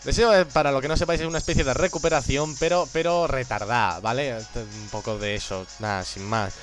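A man giving casual, joking commentary on a game, excitable and prone to sudden shouts. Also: mid-range voice, brisk, faint music behind. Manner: excitable, joking, bursts into shouts and silly voices. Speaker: gameplay commentator.

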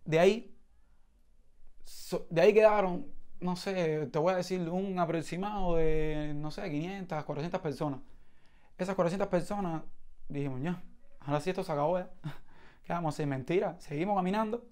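A man with a Cuban accent tells his account in animated testimony, restarting phrases and imitating sounds as he goes. His voice sits a little above the usual male pitch. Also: moderate pace, smooth. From Cuba. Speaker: protest participant giving testimony. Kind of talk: spoken testimony.

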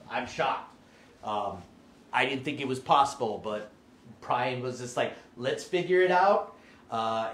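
A man hosting a casual live shopping stream, upbeat and chatty with frequent ums, who has the hiccups. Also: medium pitch. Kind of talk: casual chat to viewers. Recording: roomy echo with faint ambient noise.

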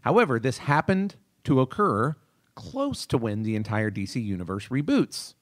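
A man's voice: medium pitch, sing-song, moderate pace, dry recording, studio quality. A man co-hosting a podcast, explaining things emphatically in casual chat. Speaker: podcast co-host.

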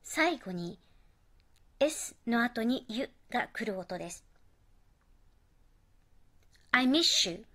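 A woman narrating a scripted pronunciation lesson, modelling English phrases slowly and carefully. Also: fairly high pitch, animated, a bit bright.

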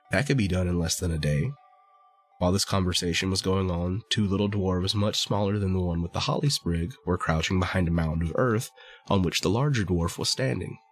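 A man reading a classic holiday storybook aloud in a measured storytelling manner. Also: sits low. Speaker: podcast host reading a story. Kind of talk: storybook narration.

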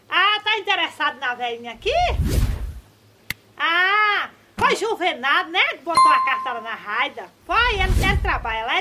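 A high-pitched, bright old granny who gets flustered and fussy in rustic country speech. Her voice leaps all over the place as she fusses. It is a comedy sketch character. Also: slight background noise, exaggerated voice. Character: nagging elderly countrywoman granny, easily flustered.

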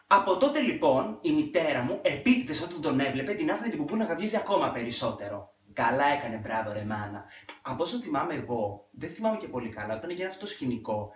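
A young man vlogger telling a casual storytime monologue, animated and dramatic with sudden loud outbursts. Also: a little high, far from the mic. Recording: echoey room, off-mic.

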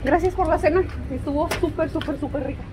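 A woman's voice: high voice, quick pace. A middle-aged woman with a Mexican Spanish accent, chatting playfully and teasing as she talks to her viewers. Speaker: vlogger. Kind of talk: casual vlog chat to viewers. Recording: steady background noise.

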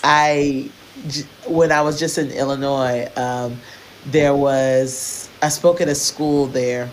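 A woman podcast host in a conversational interview, reflective and speaking with frequent pauses. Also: very deep voice, fairly even intonation, a little hiss or hum, low-quality recording.

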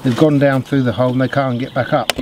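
Out in a wooded apiary, a middle-aged man demonstrates beekeeping, explaining each task casually while doing it. His mid-range voice is flat and fast. Clear outdoor sounds fill the recording: bees buzzing, insects, and birds singing.

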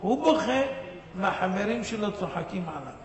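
Guy rabbi preaching, really high voice, big reverby hall, fervent, hushed then shouting. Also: animated. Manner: fervent, swings between hushed and shouting, acts out the judge. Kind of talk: sermon with a parable. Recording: echoey hall with long reverb, faint noise.

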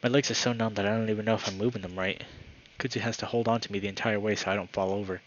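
A man's voice: lowish voice, fairly even intonation, racing, lo-fi sound. A man reading a visual novel aloud for his channel, narrating dramatically with the odd casual aside. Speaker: gaming YouTuber.

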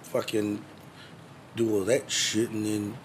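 A man's voice: lowish voice, monotone, slow pace, slight background noise, poor audio. A man chatting casually as a guest, laid-back and full of swearing and slang. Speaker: drummer, interview guest. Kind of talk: casual chat.

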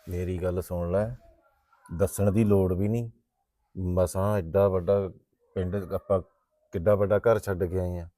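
An anxious man, played by an actor with a deep, dark voice who urges secrecy. The recording is dry. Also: little pitch movement, unhurried, long pauses, no echo. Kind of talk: village short-film acting.

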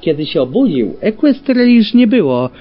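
A man reading a story aloud as an audiobook, telling it in an expressive way. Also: high voice, normal speed. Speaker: audiobook reader. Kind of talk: scripted narration of fan fiction. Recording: dull lo-fi with faint music.

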